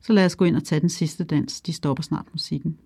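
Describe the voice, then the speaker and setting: A narrator voicing a tipsy young fisherman who slurs his words softly. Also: gravelly, breathy edge, dry recording, studio quality. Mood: slurring. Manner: slurring, low and intimate.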